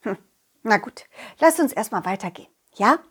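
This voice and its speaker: A woman narrating a children's audio story in a playful, animated way, also speaking as the main character. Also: mid-range voice, normal speed, husky.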